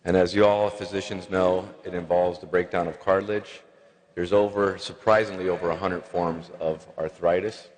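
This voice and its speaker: A man delivering an earnest conference lecture to physicians, often leaning on "actually". His voice is very deep, and it trails off into a long hall reverb. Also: little pitch movement, moderate pace.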